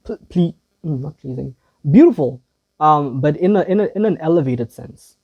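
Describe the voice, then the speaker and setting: A man's voice: fairly high pitch, lively intonation, normal speed, mellow, lo-fi sound. A man making casual reaction commentary for his video channel, rambling and hesitant, with a self-deprecating, wandering way of talking. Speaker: video creator.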